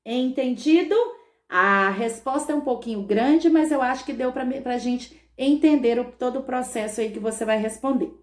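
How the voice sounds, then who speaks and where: A schoolteacher giving a patient remote lesson to young pupils, drawing out words and checking in often. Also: female voice, fairly high pitch, moderate pace. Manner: patient, stretches words, frequent "tá bom?" check-ins. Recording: echoey room.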